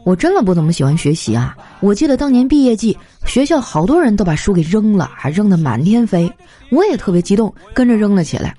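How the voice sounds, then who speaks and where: A young woman telling comic anecdotes in a chatty, animated way, slipping into voices for the people in her stories. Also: mid-range voice, fast talker, slightly rough. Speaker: comedy storyteller. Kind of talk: scripted comic monologue. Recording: light background music. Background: faint music.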